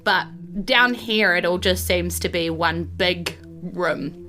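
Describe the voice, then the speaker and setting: A woman with a New Zealand accent, a podcast host serving as game master for a tabletop game, improvises conversational, descriptive narration while hedging with "kind of" and "sort of." Her lowish voice is slow and sharp-toned, with faint music playing behind her.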